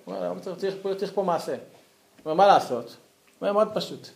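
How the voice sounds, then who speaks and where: A man giving a lively Torah lesson to a class, acting out angry letters with sudden high outbursts. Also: vocal fry. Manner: animated, acts out angry letters, jumps high in pitch. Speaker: Torah teacher. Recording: echoey room.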